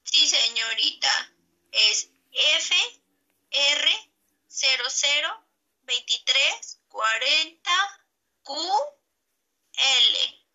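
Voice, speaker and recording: A frail old Mexican mother , acted by a woman, with a high, very bright voice. She speaks haltingly and politely, depending on others in this amateur drama. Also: highs cut off, full character voice. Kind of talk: amateur acted role-play.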